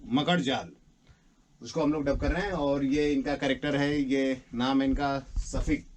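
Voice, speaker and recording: A man's voice: medium pitch, fairly even intonation, a little slow. A man running a dubbing studio, explaining the process and coaching an actor with impatient corrections. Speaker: dubbing studio operator and director. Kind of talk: instructional explanation.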